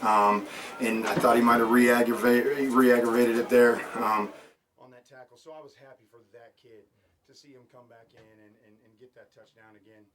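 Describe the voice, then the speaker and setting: A man's voice: mid-range voice, level tone, normal speed. A man, a head football coach, giving a postgame interview, earnest and repetitive with many ums. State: recovering breath after running. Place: outdoors at a stadium after a game. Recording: distant mic with loud crowd.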